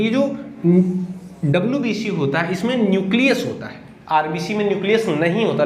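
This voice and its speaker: A man teaching biology to students, asking the class questions and answering them himself, and spelling out key terms slowly word by word. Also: high voice, fairly bright tone. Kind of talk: Hindi classroom lecture. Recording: echoey room with faint noise.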